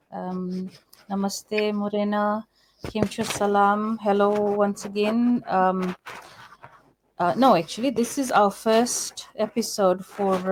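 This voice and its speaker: Casting: middle-aged woman, Fiji Indian accent, mid-pitched, halting and conversational co-host. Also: a little mellow, slight background noise, rough recording. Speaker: co-host introducing herself. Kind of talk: conversational personal introduction.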